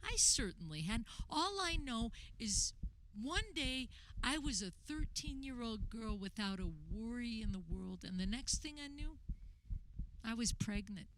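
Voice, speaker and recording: A woman's voice: fairly high pitch, big pitch swings, a little slow, fairly bright tone, poor audio. An actress playing a wondering, troubled mother looking back on her youth in a radio theater monologue, reflective and hesitant. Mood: bewildered, awed. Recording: faint background noise.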